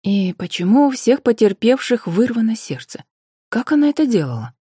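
In an audiobook, a woman voices a bold, sharp-tongued young witch on the case, pitching her slightly higher and louder than the surrounding narration. The character fires off brisk commands and quick comebacks in a very animated, mellow voice with a breathy edge, recorded dry with no room sound.

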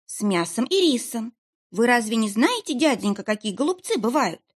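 A woman doing a whiny, husky young woman. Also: on the high side, sing-song, moderate pace, voice pushed up. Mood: pitiful chatter. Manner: pitiful, trembling, rambling chatter.

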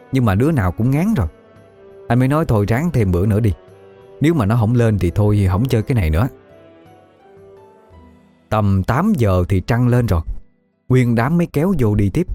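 A man's voice: mid-range voice, dark tone. A man telling a ghost story in the first person, in a folksy, colloquial way.

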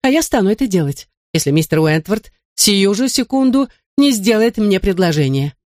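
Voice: medium pitch, big pitch swings, moderate pace, dry recording, studio quality, pitched above the performer's own voice, close to an everyday voice. A narrator voicing a haughty, scheming young woman who is secretly a witch, proud and demanding, in a read-aloud storybook. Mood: defiant. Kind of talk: audiobook character voice.

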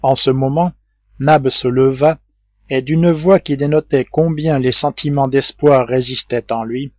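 A man narrating a classic novel as an audiobook reader, in a measured literary way. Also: mid-range voice, fairly even intonation, dry recording, highs cut off. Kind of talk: scripted narration.

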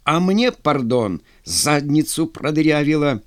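A man's voice: on the high side, expressive, a little slow, no echo, studio quality. A man voicing a wounded older painter who grumbles with sardonic humor in an audiobook. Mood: wry. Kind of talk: audiobook character voice.

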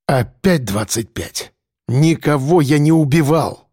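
Man playing a cagey police chief, muttering defensively, lively pitch, dry audiobook sound. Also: slow, no echo. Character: nervous, evasive male local police chief.

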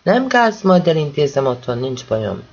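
A man's voice: on the high side, very animated, gravelly, slightly rough, lo-fi sound, heavily acted. A man doing a nervous guilty teenage boy.

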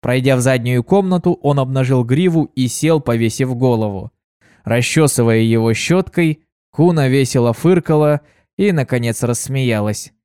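Brief: male audiobook narrator, mid-pitched, steady, very dry close recording. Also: moderate pace, clean tone, dry recording. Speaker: audiobook reader.

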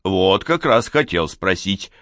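A man voicing a sly, teasing male artist friend who gets loud when excited. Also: low voice, slow, vocal fry, no room sound, studio quality, exaggerated voice. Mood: bantering.

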